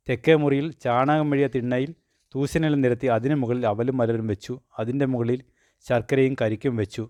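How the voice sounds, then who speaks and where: A man narrating a children's storybook in a measured, plain storytelling manner. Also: medium pitch, a little mellow, no echo.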